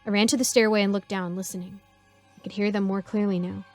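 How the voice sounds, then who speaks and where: A woman narrating a first-person horror story in a measured, suspenseful way. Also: medium pitch, fairly even intonation, soft background music.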